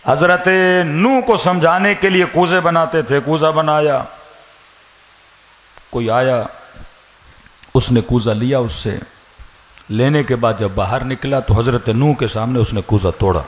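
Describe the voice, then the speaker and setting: A man preaching a mourning-gathering sermon, telling stories dramatically with rising pitch and shouted emphasis. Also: long pauses. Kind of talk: Muharram majlis sermon.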